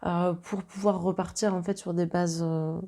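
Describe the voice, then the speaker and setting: A woman's voice: lowish voice, flat delivery, moderate pace, warm tone. A woman with a Marseille accent giving a casual tarot reading, chatty and reassuring, with many fillers and restarts. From southern France. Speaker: tarot card reader.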